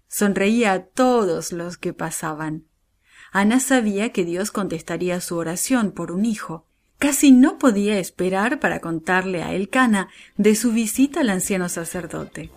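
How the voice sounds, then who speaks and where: A woman storyteller narrating a Bible story for children in a warm, expressive way. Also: medium pitch, normal speed.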